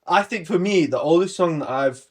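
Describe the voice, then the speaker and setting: A man's voice: on the high side, moderate pace. A young man co-hosting a casual podcast chat, joking around and breaking into bits of song. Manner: animated, joking, breaks into sung snippets. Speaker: podcast co-host.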